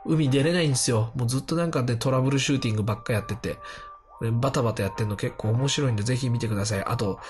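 A man's voice: medium pitch, very fast, a little mellow. Stuffy-nosed man chatting over music. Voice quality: stuffy, congested nasal voice. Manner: chatty, colloquial, self-deprecating. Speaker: radio show host. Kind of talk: casual solo radio talk. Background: background music.

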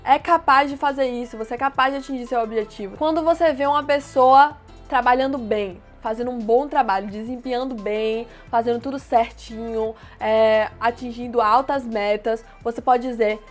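A woman teaching everyday English phrases, explaining plainly and repeating each phrase slowly. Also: fairly high pitch, fairly even intonation, soft background music. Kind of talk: casual language lesson.

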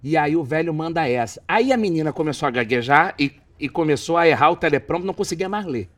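High-voiced Brazilian man telling stories. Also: fast, dry recording, far from the mic. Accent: Brazilian Portuguese. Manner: animated anecdote teller, swears freely. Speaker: guest. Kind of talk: casual chat, storytelling.

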